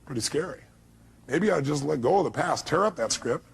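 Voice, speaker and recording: Animated man giving a seminar talk. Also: fairly high pitch, brisk, creaky, slightly rough. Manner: animated, acts out quoted voices, shouts. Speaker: motivational speaker.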